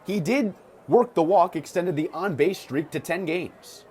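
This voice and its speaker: A high-pitched, slightly mellow American man calls a live baseball game on the radio at a somewhat slow pace. He mixes punchy, clipped play calls with stat-heavy asides, and ballpark noise is clearly audible behind him.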